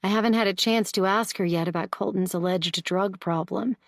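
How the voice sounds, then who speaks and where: A woman reading a thriller audiobook as first-person narrator, in a measured, storytelling manner. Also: mid-range voice, no echo, clean studio sound.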